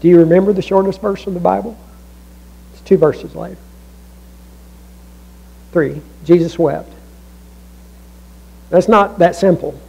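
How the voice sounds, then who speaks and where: A man preaching a sermon as a pastor in a church, talking in a conversational way with restarts and asides, swinging from raised emphasis down to near-hushed lows. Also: fairly even intonation, a little slow, vocal fry, long pauses, husky, dull audio.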